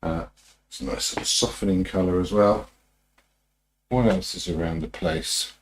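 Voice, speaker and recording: A man talking through a live demonstration as a painting instructor, informal and unhurried, muttering his thoughts to himself as he works. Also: low-pitched, a little hiss or hum, rough recording. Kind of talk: TV painting instructor style, musing aloud while demonstrating.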